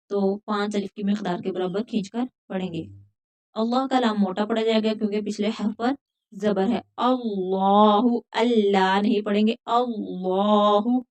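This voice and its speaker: A woman teaching a Quran recitation lesson, patiently explaining pronunciation rules step by step and repeating words slowly. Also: medium pitch, a little mellow. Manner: recites verses in a drawn-out chant.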